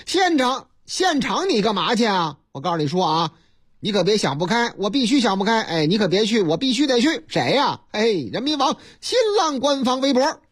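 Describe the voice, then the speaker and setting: Lively Beijing radio storyteller. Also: mid-range voice, moderate pace, slightly rough. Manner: lively, theatrical, folksy banter. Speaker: radio news host. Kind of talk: comic storytelling of news items.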